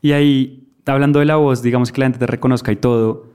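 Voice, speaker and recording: A man's voice: medium pitch, steady tone, fast talker, darkish tone, smooth. A man hosting a podcast, asking chatty questions packed with fillers in a garden before a live audience. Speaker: podcast host. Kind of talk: casual interview chat.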